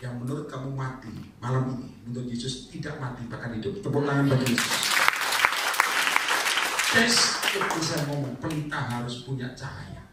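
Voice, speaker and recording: A man preaching a lively, colloquial charismatic sermon to a congregation, teasing and exhorting them. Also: medium pitch, normal speed, crowd noise. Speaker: evangelist. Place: prayer meeting hall. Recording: echoey hall, mic far off, faint noise.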